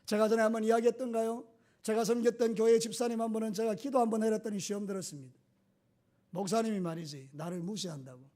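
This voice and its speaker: Male pastor, very high-pitched, emphatic sermon delivery with rhetorical questions. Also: level tone, rapid-fire, warm tone.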